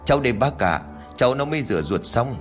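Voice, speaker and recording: A man's voice: mid-range voice, expressive, quick pace, soft background music, natural voice. A man voicing a caring middle-aged uncle who speaks soothingly. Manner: soothing, reassuring.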